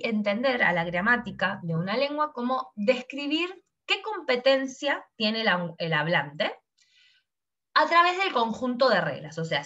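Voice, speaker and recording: A woman's voice: on the high side, bright, forceful tone, muffled recording. A woman, teaching a lesson and explaining slides, who acts out her examples with a changing tone.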